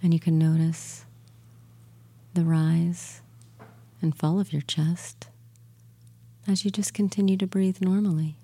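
A woman leads a guided meditation in a low, very mellow voice. She speaks in a soothing, breathy murmur that sometimes thins toward a whisper. Long, gentle pauses separate her phrases. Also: level tone. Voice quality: soft, breathy, near whisper at times. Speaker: guided relaxation hypnotist. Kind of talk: guided meditation and hypnosis induction.

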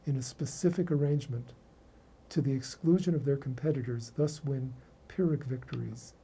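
Husky, very dark-voiced professorial man lecturing. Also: medium pitch, rough recording. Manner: erudite, professorial, formal and measured. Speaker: academic lecturer in law. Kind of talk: scripted formal lecture.

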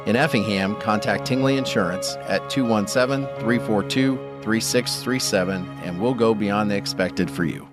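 Low-voiced man reading a radio advert. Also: normal speed, few pauses. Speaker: commercial announcer. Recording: guitar music behind. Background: guitar music.

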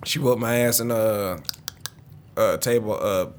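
A man's voice: lowish voice, fairly even intonation, unhurried. A young man, chatting casually and profanely as a podcast co-host, telling stories. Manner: laid-back, profane, storytelling. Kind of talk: casual chat.

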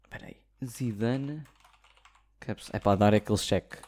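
A man's voice: lowish voice, moderate pace, a little mellow. Ranting young Portuguese man, sarcastic. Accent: European Portuguese. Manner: ranting, sarcastic, swears freely. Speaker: comedy podcaster. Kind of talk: casual comic monologue.

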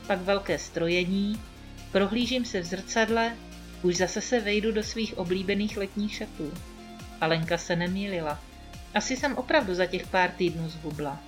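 Woman narrating wryly in first person. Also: mid-range voice.

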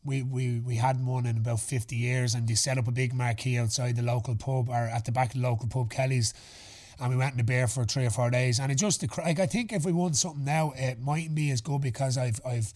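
A man's voice: mid-range voice, fairly quick, darkish tone. Irish male, aged thirty, podcast host; casual, slangy anecdotal delivery with some swearing. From Ireland. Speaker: podcast host answering listener questions. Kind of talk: casual chat.

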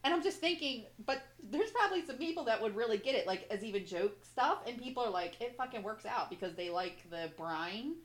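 A woman co-hosting a casual, sweary chat in valley girl speech, with drawn-out exclamations and lots of "like". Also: on the high side, animated. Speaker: podcast co-host.

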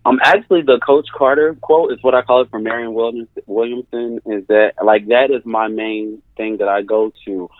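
Speaking at a moderate pace with hardly any pauses, this man has a medium-pitched voice and fairly even intonation. He's a California therapist appearing as an interview guest, earnestly emphasizing and repeating his main points in a conversational exchange. The recording is dry, with a tinny phone-line sound.

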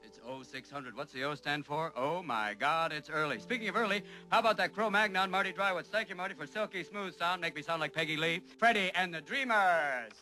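An actor playing a radio DJ who fires off manic, wisecracking patter into a studio microphone with loud bursts. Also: male voice, on the high side, a little fast, hardly any pauses, faint music behind.

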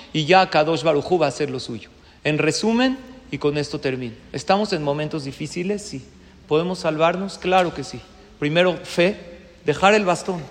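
High-voiced rabbi in echoey hall. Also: male voice. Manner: storytelling, asks the audience questions. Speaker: rabbi teaching a class. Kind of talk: lively Torah class with anecdotes. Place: classroom or hall, in front of a group. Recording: echoey hall with long reverb.

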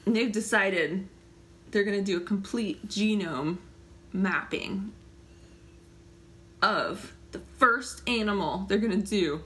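A woman co-hosting a casual podcast, chatty and quick to laugh as she walks through her notes. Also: mid-range voice. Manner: giggly, animated, laughs often. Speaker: podcast co-host. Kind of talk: casual chat.

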